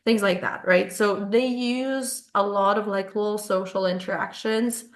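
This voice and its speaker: A woman's voice: medium pitch, steady tone, a little slow. Woman leading a club chat, explains stuff casually, echoey online call. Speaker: English club host. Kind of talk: informal explaining to a group. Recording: roomy, echoing online call.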